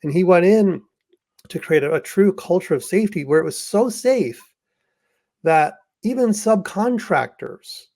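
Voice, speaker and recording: A man's voice: sits high, expressive, measured pace, mellow, dry recording. A man hosting an interview, telling a story with enthusiasm and plenty of fillers and restarts. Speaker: podcast host and author.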